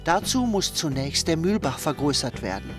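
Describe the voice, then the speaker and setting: A man's voice: a little high, very animated, normal speed, over music. A man narrating a scripted radio history documentary.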